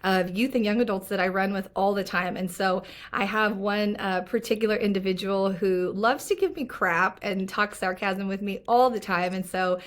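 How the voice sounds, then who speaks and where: A woman's voice: mid-range voice, steady tone, normal speed, few pauses. A woman hosting a faith podcast, chatty, upbeat and teasing with her guest. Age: adult, former children's ministry leader. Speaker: podcast host. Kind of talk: casual podcast chat.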